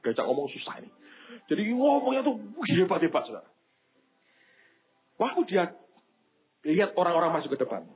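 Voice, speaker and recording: Man preaching with a touch, high lively voice, storytelling, tinny phone-like sound. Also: husky. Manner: storytelling, acts out the people he quotes, addresses the congregation as "saudara". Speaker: pastor. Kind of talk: sermon.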